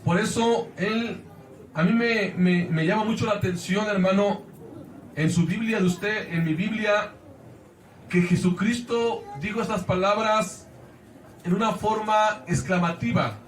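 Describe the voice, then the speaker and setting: A man's voice: high-pitched, a little slow, slight background noise. A man with a Mexican Spanish accent preaching a sermon as pastor of a church, earnestly calling out to the congregation. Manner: earnest preaching, often addressing the congregation as brothers. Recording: echoey church from a distance.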